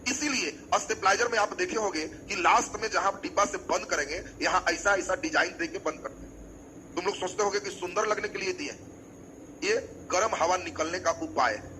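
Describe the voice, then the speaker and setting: A man's voice: high voice, brisk, bright, forceful tone, slight background noise, low-quality recording. A male teacher, giving an exam coaching lecture and quizzing his students by repeating key terms.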